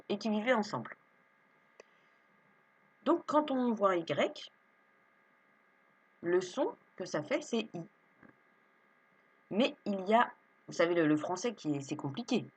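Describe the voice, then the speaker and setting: A woman teaching young children to read, slowly sounding out syllables and words with patience. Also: mid-range voice, very animated, slightly rough. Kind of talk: reading lesson for young children.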